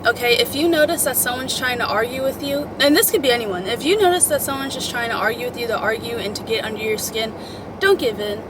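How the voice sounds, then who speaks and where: Young woman w kinda high voice giving casual pep talk, emphatic girly slang, noticeable car/outside noise. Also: quick pace. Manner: chatty, emphatic girl-talk with swearing and pet names. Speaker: vlogger giving advice to followers. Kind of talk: casual motivational chat to the audience.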